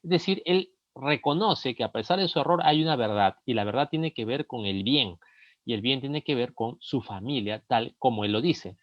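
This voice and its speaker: A man's voice: mid-range voice, animated, normal speed, no echo. Peruvian guy teaching a class, reads lyrics out to explain stuff, dull dry recording. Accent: Peruvian Spanish. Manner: didactic, explains song lyrics by reading them aloud. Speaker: lecturer. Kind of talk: recorded lesson.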